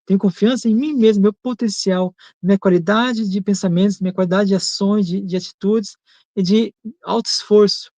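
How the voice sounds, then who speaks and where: A man co-hosting a Spiritist program, talking in a measured, thoughtful way and often repeating and restating his points. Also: high-pitched, steady tone, warm tone, no room sound. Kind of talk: reflective teaching talk.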